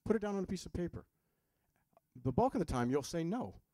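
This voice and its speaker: Here a man with a high-pitched, sing-song, warm voice talks fairly quickly, with no room sound. As a health practitioner at a live seminar, he chats with the audience, asking them things and joking around.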